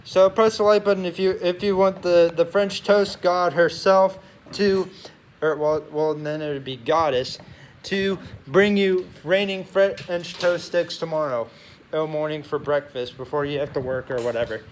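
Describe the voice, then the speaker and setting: A man's voice: a little high, fairly even intonation. A young man chatting casually as a sports vlogger in a locker room, rambling and often correcting himself. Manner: halting, rambling, self-correcting. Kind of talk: casual chat to camera. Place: locker room beside a noisy gym. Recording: noisy locker room ambience.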